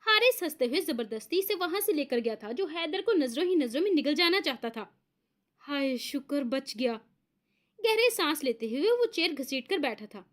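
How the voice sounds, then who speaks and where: A woman reads a romance novel aloud with expressive storytelling. Her voice sits high and moves lively up and down through the narration. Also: fairly quick, hardly any pauses.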